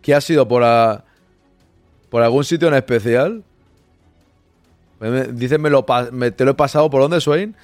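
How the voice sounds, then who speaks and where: A man's voice: mid-range voice, normal speed, pauses often, no room sound, soft background music. Chatty jokey man hosting. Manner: jokey, chatty, reads chat messages aloud. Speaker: podcast host. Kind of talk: live-stream chat greeting viewers.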